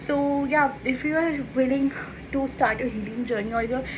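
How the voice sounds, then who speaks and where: This is a young Bengali woman, a native Bangla speaker with a Bengali accent, chatting casually to camera in a lifestyle vlog. Her voice is high-pitched and her pace normal, and she shows journal pages as she talks, often repeating "see" and "so yeah." There's a noisy background.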